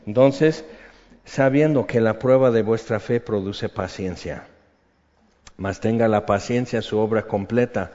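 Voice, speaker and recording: An older man preaching a sermon, animated and conversational, dropping to a hush for emphasis. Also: on the low side. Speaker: pastor. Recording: echoey hall, dull lo-fi sound.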